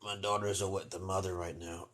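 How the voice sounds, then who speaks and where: New York man in his forties, very low voice, rambling livestream host giving advice, keeps asking "okay?". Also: level tone, a little fast, a bit bright. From Brooklyn, New York, USA. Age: 40s. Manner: rambling, repeats "okay?" often. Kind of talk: casual livestream monologue.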